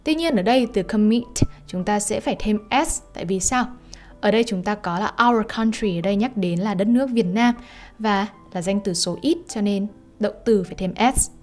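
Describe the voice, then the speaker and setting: A woman's voice: mid-range voice, normal speed, a little mellow, faint music behind. A woman teacher, a native Vietnamese speaker, explains English exercises in a video lesson and keeps checking in with her students using tag questions.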